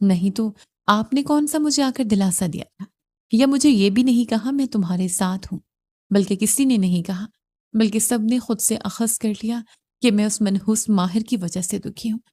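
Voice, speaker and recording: A woman voicing a stubborn, hurt young wife in an audio novel who answers with sharp, reproachful retorts. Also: mid-range voice, lightly acted.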